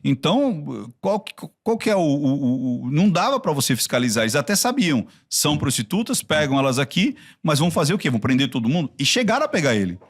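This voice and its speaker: A man's voice: on the high side, fast talker, few pauses, slightly rough. Chatty Brazilian man telling stories. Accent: Brazilian Portuguese. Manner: chatty, animated storytelling with frequent restarts. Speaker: body-language expert. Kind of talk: casual podcast conversation.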